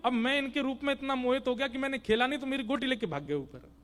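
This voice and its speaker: A man's voice: very high-pitched, quick pace, fairly bright tone, pitched above the performer's own voice. A man voicing a small, innocent boy devotee who pleads in a whiny, earnest way.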